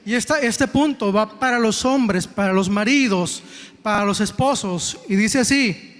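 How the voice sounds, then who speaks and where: A man's voice: high-pitched, measured pace, a bit bright. A Mexican man preaching a sermon in an event hall, folksy and emphatic, often putting questions to his listeners. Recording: long reverb in an event hall.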